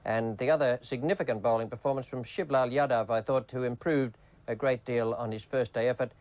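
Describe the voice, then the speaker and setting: A man's voice: mid-range voice, fairly even intonation, brisk, a little mellow. A man giving cricket commentary and summing up play in a broadcast. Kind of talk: live sports commentary and summary. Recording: archive cricket broadcast over crowd noise. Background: stadium crowd.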